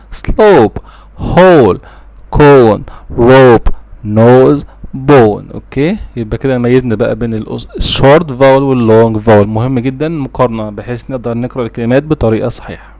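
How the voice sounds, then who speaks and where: A man's voice: medium pitch, mellow, no echo. Egyptian man drilling English vowel sounds. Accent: Egyptian Arabic. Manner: drills words one by one, contrasting right and wrong pronunciations. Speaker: English teacher. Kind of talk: phonics lesson, reading word lists aloud.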